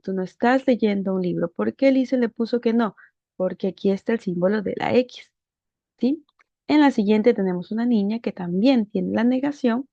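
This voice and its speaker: A woman's voice: mid-range voice, gravelly, warm tone, no room sound, muffled recording. A woman teaching English grammar, patiently walking through a worksheet and often checking with rhetorical questions.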